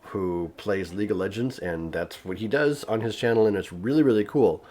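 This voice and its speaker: Low-voiced man giving a rambling channel update. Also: normal speed. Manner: relaxed and rambling, with many fillers and restarts. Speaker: YouTube gaming channel host. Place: home gaming setup.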